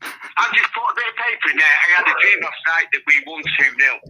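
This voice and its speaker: A middle-aged man heard over speakerphone, his voice thin through the phone line. He talks high and jumps all over his range, with a very bright, sharp edge. He is excitable and swears freely when something thrills him. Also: quick pace, breathy edge. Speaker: caller's father. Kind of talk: casual phone chat.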